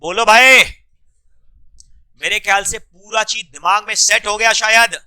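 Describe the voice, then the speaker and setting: Bright, high-voiced male teacher drilling a class. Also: steady tone, clean tone. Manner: drills students with repeated quick questions; mixes English terms into Hindi. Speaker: commerce law teacher. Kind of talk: classroom lecture.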